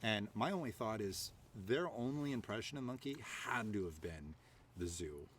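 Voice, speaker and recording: A man with a fairly low voice hosts a live stream in easy, joking chat. He rambles a little, with lots of "uh" and "um" as he talks. There is faint noise behind him. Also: animated, moderate pace. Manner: chatty, joking, loose with filler words. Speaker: host of a live stream show. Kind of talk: casual chat.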